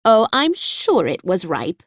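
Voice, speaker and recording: For this audiobook character, a woman with a mid-range voice plays a talkative, spunky young girl, heavily acted with huge swings in pitch and a slow, slightly rough delivery. The girl speaks confidently and earnestly, full of homespun kid-like expressions, captured close with no room sound.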